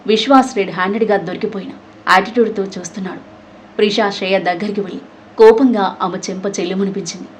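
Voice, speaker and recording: A woman storyteller giving steady, scripted story narration. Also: medium pitch, quick pace, slight background noise, poor audio.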